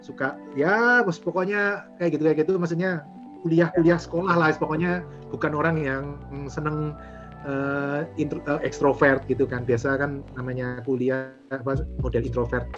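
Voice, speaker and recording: A man's voice: a little high, moderate pace. A man in his forties, a guest on an interview show, telling his story casually with lots of fillers and acted-out back-and-forth. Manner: animated, acts out remembered dialogue, frequent fillers. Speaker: guest, property and franchise investor. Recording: dull lo-fi audio with music underneath.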